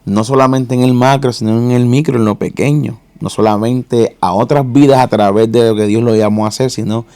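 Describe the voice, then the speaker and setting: Man, faith show host, gravelly low voice, dry studio sound. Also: fairly even intonation, mellow, dry recording. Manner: fervent religious greetings, measured questions. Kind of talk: faith interview.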